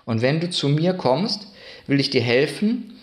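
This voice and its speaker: A man voicing a gentle, patient young Christ child, speaking kindly in a soft questioning way. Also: a little high, lively intonation, unhurried, voice pushed up. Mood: tender. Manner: kind, softly questioning.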